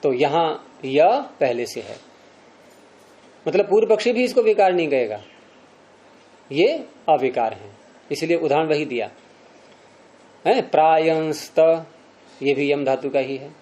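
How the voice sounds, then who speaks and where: Lecturing on Sanskrit grammar, a male teacher speaks with a fairly high, warm, mellow voice and lively intonation. His pace is measured with long pauses as he explains things step by step and keeps questioning his students.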